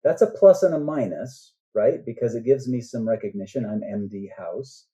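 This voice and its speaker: An older man chats casually as a guest author in an interview, rambling a little and frequently checking in with "right?". His voice is warm and medium-pitched, and he speaks at a moderate pace.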